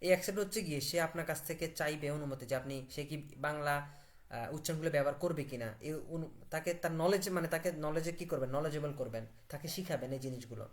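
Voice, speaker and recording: A man's voice: on the high side, a little fast. A man teaching Italian in a live online class. He asks the class questions, answers them himself and repeats words for stress.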